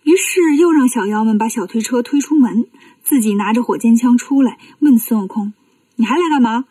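A woman narrating a children's story as a storyteller, lively and expressive. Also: on the high side, moderate pace, no echo, distant mic.

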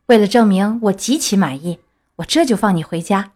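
A woman's voice: medium pitch, expressive, a little fast, a little mellow, lightly acted. A woman voicing a hearty old male farmer in a storybook reading. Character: gruff old male farmer, gruff but approving.

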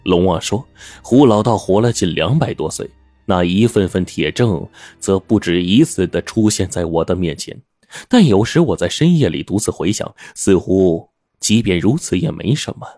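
Brief: male narrator, deep and lively, dry close read of a serialized novel. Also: moderate pace, dry recording, faint music behind. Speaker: audiobook narrator. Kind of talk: first-person novel narration.

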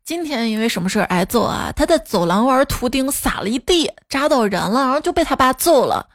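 A woman's voice: sits high, sing-song, brisk, dry recording, studio quality. A woman host telling comic stories, playful and laughing often as she acts out the people in them. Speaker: podcast host. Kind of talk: comedic joke storytelling.

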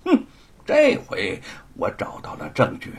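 A gloating male villain of an old-style spoken tale, acted by a man. He blusters and cackles, his raspy voice jumping high and wildly up and down. Every threat comes out with sneering relish. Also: huge pitch swings, measured pace, a bit bright, exaggerated voice. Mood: triumphant. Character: gloating cruel middle-aged male local tyrant.

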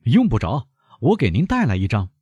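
A man's voice: medium pitch, huge pitch swings, a little fast, darkish tone, husky, no room sound, lo-fi sound, pitched above the performer's own voice. A man reading an audiobook, voicing a proud young viscount who firmly demands a correction. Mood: insistent. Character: indignant young male viscount, insistent. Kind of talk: audiobook character voice.

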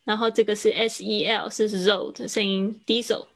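A woman's voice: mid-range voice, flat delivery, normal speed, creaky. A woman teaching English pronunciation in a live online lesson, correcting and drilling words one by one over a video call.

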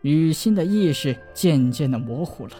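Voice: medium pitch, expressive, mellow, soft background music. A narrator reading a serialized audiobook chapter with emotive, dramatic delivery. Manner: emotive storytelling with drawn-out endings.

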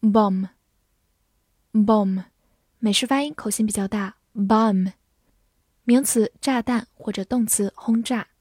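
A woman teaching English vocabulary to learners, saying each English word slowly twice and then reading its meanings. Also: mid-range voice, mellow, husky, no room sound, studio quality. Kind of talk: vocabulary lesson.

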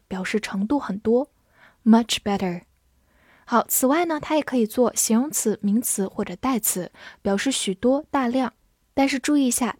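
A woman teaching English vocabulary in a scripted lesson, spelling each word letter by letter and reading example sentences slowly. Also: a little high, darkish tone, dry recording, studio quality.

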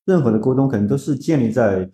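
A man's voice: medium pitch, animated, quick pace, dark tone. A man hosting a podcast, summing up the discussion in a reflective way. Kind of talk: casual podcast talk. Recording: roomy echo.

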